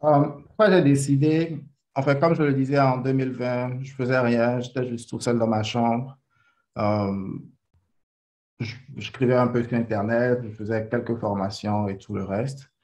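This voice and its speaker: A man's voice: medium pitch, steady tone, normal speed, a little mellow. A man on an online panel, hesitantly telling his own story.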